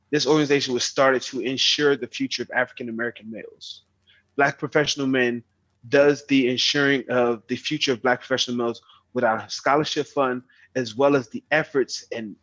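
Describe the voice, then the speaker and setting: A man's voice: mid-range voice, fairly bright tone, dull audio. A young man hosting an online meeting, speaking earnestly, often repeating words as he starts a phrase. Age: young adult. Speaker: meeting host.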